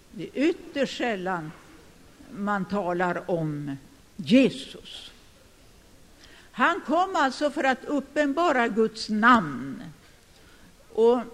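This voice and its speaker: Older man, preaching, very high voice, emphatic outbursts, reverberant church hall. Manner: emphatic, with sudden loud declarations. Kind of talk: sermon.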